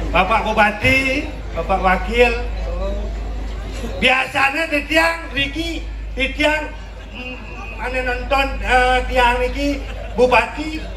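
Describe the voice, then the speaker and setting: A Balinese-accented man works a live audience as a traditional stage comedian. His voice sits very high, and he teases and repeats phrases for effect. He is heard from a distance through an echoey space, with loud crowd laughter around him. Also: slow. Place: large performance stage with audience.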